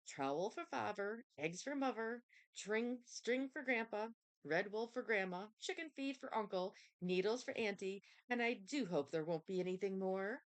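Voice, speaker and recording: A woman's voice: medium pitch, animated, normal speed, pitched above the performer's own voice, lightly acted. A woman reading a storybook voices a small, dutiful, solemn little girl with childish lisping speech. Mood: earnest.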